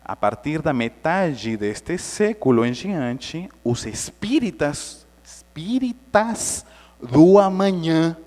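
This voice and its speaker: A high-pitched man tells a story to an audience and brings it to life with noises and quick voices. His pitch leaps around as he speaks, and a long hall echo trails each phrase. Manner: animated, acts out the story with sound effects. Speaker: Spiritist lecturer. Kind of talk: lively storytelling lecture. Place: lecture hall.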